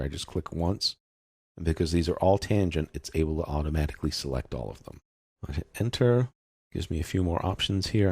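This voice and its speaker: A man acting as an instructor narrates a step-by-step software tutorial, explaining things in an informal, unscripted way. His voice is low, and the studio-quality recording has no room sound.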